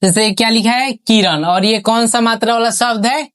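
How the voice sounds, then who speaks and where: Speaking at normal speed, a female teacher leads a spelling lesson online where she supplies answers to her own questions. She elongates each syllable and lowers her pitch at the end of each completed word.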